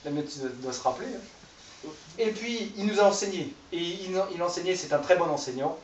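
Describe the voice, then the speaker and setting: A man's voice: high voice, brisk, slight background noise. Man in his thirties, informal preacher, chatty and self-mocking, heard from a distance in a roomy hall. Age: 30s. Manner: conversational, self-deprecating, jokes with the audience. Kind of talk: informal sermon. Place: church hall. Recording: echoey room, voice from far off the mic.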